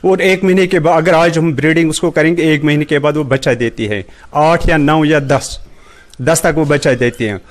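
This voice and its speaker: A man's voice: fairly high pitch, moderate pace. A middle-aged man with a Kashmiri accent, a rabbit farm worker answering interview questions plainly and practically, recorded on a handheld mic in a large shed. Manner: plain, practical explaining with many polite "ji sir" replies. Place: large open-sided rabbit shed, indoors. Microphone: handheld reporter mic held near mouth.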